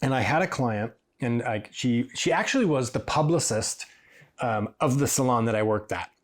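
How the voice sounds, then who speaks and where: He's a hairdresser and podcast host from Washington State, USA, with a medium-pitched, animated voice at normal speed. In a casual storytelling monologue he rambles and chats, brightening when quoting others.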